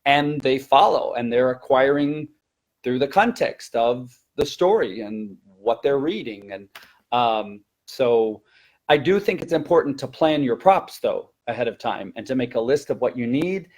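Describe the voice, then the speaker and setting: Working as a presenter and teacher trainer, a man explains and demonstrates in a lively, conversational webinar manner. His voice is medium-pitched and his delivery unhurried.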